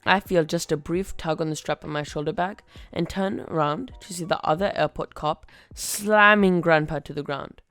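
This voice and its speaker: A podcast host reads stories from the web with a wry, chatty delivery. The voice has a gravelly grain but a smooth, clear tone, recorded close and dry. A faint bed of music sits underneath. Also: medium pitch, moderate pace, hardly any pauses, fairly bright tone, no echo. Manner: wry, conversational narration. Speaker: podcast host reading online posts. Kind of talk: story reading.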